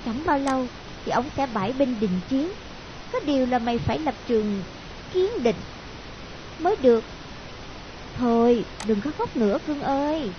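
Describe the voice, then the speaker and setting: A man's voice: very high-pitched, animated, normal speed, pauses often, pitched above the performer's own voice. A man voicing a blunt, bossy young woman friend, scolding and coaxing by turns. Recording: dull lo-fi audio with hiss.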